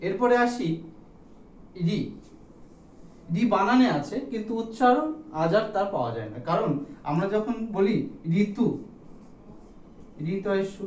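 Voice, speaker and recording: High-voiced male teacher in echoey room. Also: darkish tone, slight background noise. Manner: slow, counting items aloud and asking the class questions. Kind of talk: classroom lecture. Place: classroom. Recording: echoey room, distant mic, dull sound.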